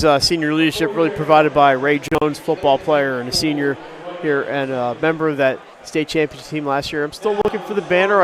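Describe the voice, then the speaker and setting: A man calling live high school basketball in a chatty way, sounding nasal and stuffy, as if pinching his nose, because he is under the weather. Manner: chatty, joking asides. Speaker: play-by-play sports announcer. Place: indoor school gymnasium. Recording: gym crowd and bouncing basketballs behind.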